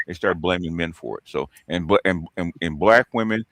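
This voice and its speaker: A man talking casually and opinionatedly, repeating himself in a halting but emphatic way. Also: sits low, a bit bright, no echo. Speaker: talk show panelist.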